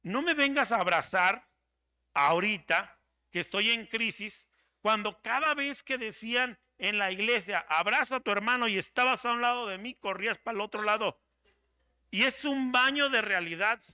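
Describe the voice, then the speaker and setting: A man's voice: high voice, moderate pace, pushed and bright, clear, resonant tone. A man preaching a sermon as pastor, dramatic and theatrical, acting out the voices of the people he quotes.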